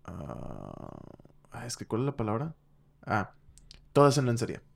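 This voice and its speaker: A man's voice: lowish voice, wildly swooping pitch, unhurried, gravelly. A young man with a Mexican accent, casually retelling a comic book story and voicing the characters' lines in a raised voice. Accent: Mexican Spanish. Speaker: podcast co-host recapping a comic book.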